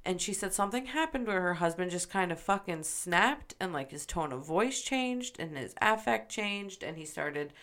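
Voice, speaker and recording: A woman from upstate New York with a fairly low voice recounts a local haunting on a podcast. She talks casually and with a lot of life, swearing freely. She slips into quoted voices as she tells it. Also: normal speed, few pauses. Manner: animated, profane retelling with quoted voices. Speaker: podcast co-host. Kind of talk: casual storytelling.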